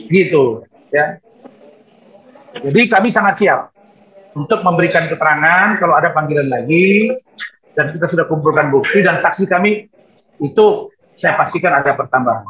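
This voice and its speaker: A man speaking as a lawyer at a press conference, emphatic and repetitive. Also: on the high side. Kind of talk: press statement and Q&A. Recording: dull lo-fi sound.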